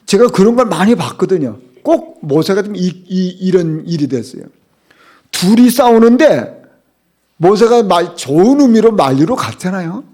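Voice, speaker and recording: A middle-aged male pastor preaching with a lively, rising and falling delivery. His voice sits a little high for a man. He hammers points home with rhetorical questions, swinging between loud stresses and hushed asides. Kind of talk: sermon.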